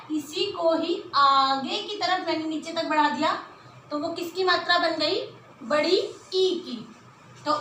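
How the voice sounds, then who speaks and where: A woman leads a children's Hindi lesson in a very slow, drawn-out way, asking question after question as she sounds out each word. Her voice is very high and bright. The recording is echoey, with faint noise behind her. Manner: slow, drawn-out syllables when sounding out words; patient explaining, frequent rhetorical questions. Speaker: Hindi teacher.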